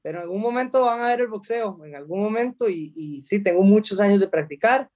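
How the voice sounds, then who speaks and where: A high-pitched man from Costa Rica, in his thirties, talks about his life as a fighter. He answers in a halting way, restarting his sentences and filling gaps with small sounds. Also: animated, darkish tone. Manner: hesitant, many restarts and fillers. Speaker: mixed martial arts fighter. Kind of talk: interview answers.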